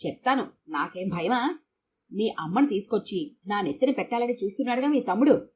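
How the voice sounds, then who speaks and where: A woman voicing a sharp-tongued middle-aged housewife who scolds curtly. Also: medium pitch, animated, brisk, slight background noise, natural voice. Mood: scolding. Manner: scolding, curt.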